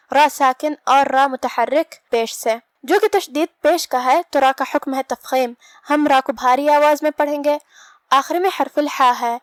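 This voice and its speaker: A woman's voice: high-pitched, no room sound. A woman teaching the rules of Quran recitation, explaining each sound patiently and step by step.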